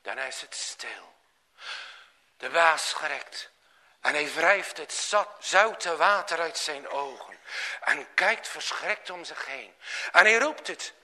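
A man telling a story aloud in an expressive, dramatic way. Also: fairly high pitch, takes it slowly. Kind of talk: storytelling narration.

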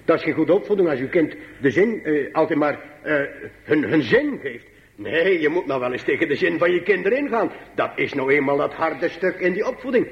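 Preaching a sermon to his congregation, a pastor speaks slowly, emphatically and animatedly, moving from high, pleading passages to low, quiet asides. The recording has its highs cut off.

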